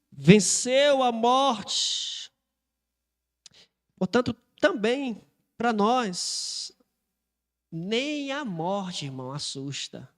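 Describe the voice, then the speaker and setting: A Brazilian pastor preaching a sermon to his congregation, retelling a story and building to fervent emphatic declarations. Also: high-pitched. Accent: Brazilian Portuguese. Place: church sanctuary. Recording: long reverb of a church hall.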